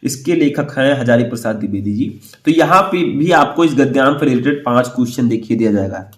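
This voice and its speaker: A man's voice: medium pitch, lively intonation, fairly quick, roomy sound. A man teacher walking students through an exam paper, explaining step by step and checking that they have understood. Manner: explanatory, repeats "ठीक है" and asks "समझ में आया?".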